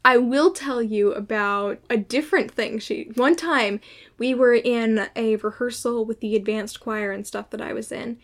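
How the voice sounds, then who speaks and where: A young woman co-hosting a podcast, telling a story in a casual, animated way and swearing freely. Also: a little high, unhurried. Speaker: podcast co-host. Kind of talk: casual chat.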